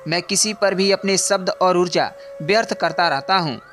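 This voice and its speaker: A man voicing a young prince in a storybook, calm and reflective, speaking in a steady, earnest way. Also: high voice, moderate pace. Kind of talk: scripted storybook narration.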